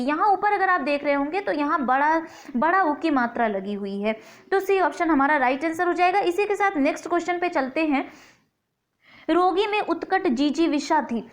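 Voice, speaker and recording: A woman with a very high voice leads an exam-prep lesson as the teacher. She explains each question step by step and slows down to sound out key words carefully. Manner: explains step by step, repeats words slowly to stress pronunciation.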